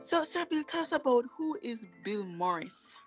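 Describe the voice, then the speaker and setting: A woman's voice: a little high, big pitch swings, normal speed, faint music behind. A woman hosting an interview show, introducing her guest in an effusive, enthusiastic way. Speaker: show host.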